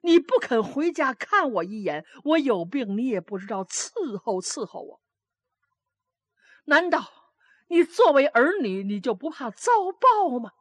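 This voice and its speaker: A woman's voice: on the high side, animated, a little slow, dry recording, clean studio sound. A woman voicing a grieving old grandmother who scolds, then pleads with remorse. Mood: scolding.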